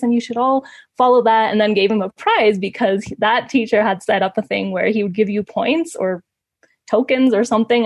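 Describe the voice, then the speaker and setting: Telling personal stories casually as an interview guest might, a giggly woman laughs often while she speaks. She was born in Canada and grew up in Ecuador, and her mid-range voice has a darkish tone, with no echo in the recording.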